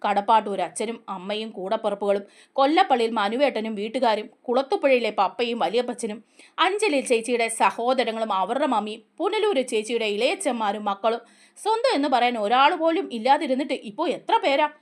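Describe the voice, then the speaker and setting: A woman's voice: a little high, animated, a little fast, lightly acted. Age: young adult. Figure: a teasing young woman , as a woman reads her. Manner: chatty. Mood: wistful. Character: teasing orphaned young woman, playful then wistful. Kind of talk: storytelling dialogue.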